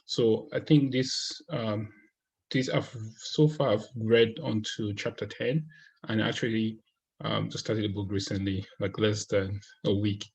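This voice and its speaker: A man from Cameroon giving a casual, thoughtful spoken book review, with many pauses and restarts. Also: fairly low pitch, steady tone, vocal fry, a little mellow, breathy edge, low-quality recording. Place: United States.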